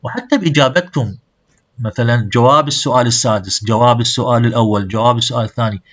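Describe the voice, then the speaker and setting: A man teaches a class at a middle pitch, stepping through examples as he moves between two languages. The recording is dull and a little lo-fi. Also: racing, fairly bright tone. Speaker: language lecturer. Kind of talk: classroom lecture mixing Arabic and English.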